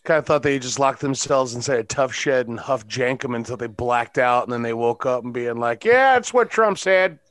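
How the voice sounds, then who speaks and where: A man's voice: medium pitch, flat delivery, brisk, few pauses, a bit bright, no echo. Rambling man, dry close sound. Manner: rambling, full of fillers and profanity. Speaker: podcast co-host. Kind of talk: casual chat.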